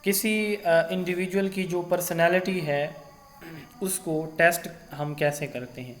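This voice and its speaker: Male lecturer, slightly high voice. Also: fairly even intonation, faint music behind. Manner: explains with classroom examples and quiz questions. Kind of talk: recorded lecture.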